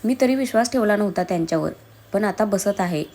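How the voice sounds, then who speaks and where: A woman's voice: mid-range voice, quick pace, a little mellow, close to an everyday voice. A woman reading the lines of a fierce, grieving young woman who hurls accusations in a storybook reading. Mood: pleading. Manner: heated, accusing.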